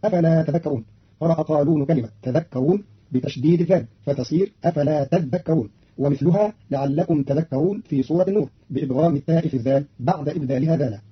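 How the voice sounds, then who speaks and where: Male radio presenter, formal explanatory delivery, slightly high voice, muffled archive recording. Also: slightly rough. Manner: formal, explanatory, quotes verses in a slower voice. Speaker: radio announcer explaining recitation variants. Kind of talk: formal scripted radio commentary.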